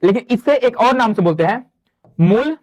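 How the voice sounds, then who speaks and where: Male teacher, high voice, online grammar lecture, quizzes the class and answers himself, chatty asides. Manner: explains step by step, asks the class questions and answers them himself; drawn-out spoken demonstrations of vowel sounds. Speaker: Hindi teacher. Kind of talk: online exam-prep lecture.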